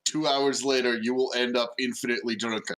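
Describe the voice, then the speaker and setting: A man chatting casually as a tabletop player, quick with jokes. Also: medium pitch, little pitch movement, a bit bright, rough recording.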